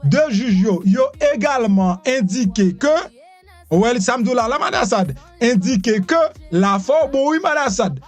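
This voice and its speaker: A Haitian man with a Haitian accent giving animated immigration news commentary, repeating himself and asking rhetorical questions. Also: very high-pitched, measured pace, soft background music. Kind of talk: news commentary mixing Creole, French and English.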